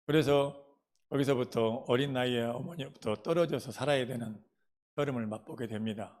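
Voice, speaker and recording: A middle-aged man from Jeolla province, a pastor speaking with a Jeolla dialect, telling his life story in a sermon and checking in with the congregation. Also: medium pitch. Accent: Jeolla Korean dialect. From Jeolla province, Korea. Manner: folksy storytelling, asks the congregation questions. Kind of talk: sermon with personal testimony.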